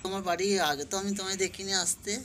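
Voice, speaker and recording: A woman's voice: mid-range voice, fairly even intonation, fast talker, fairly bright tone, voice pushed down, lightly acted. A woman voicing a teasing young man who is engaged to be married, talking playfully and sulking over delays. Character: teasing young male groom-to-be. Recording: noisy home recording.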